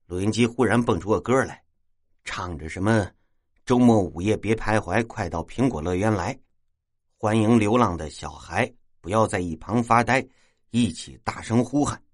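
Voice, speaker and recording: A man's voice: fairly low pitch, moderate pace, close to an everyday voice. A man voicing a brusque, lecherous middle-aged boss in a spoken story. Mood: irritable. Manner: brusque, irritable. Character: lecherous red-nosed man, gruff and impatient.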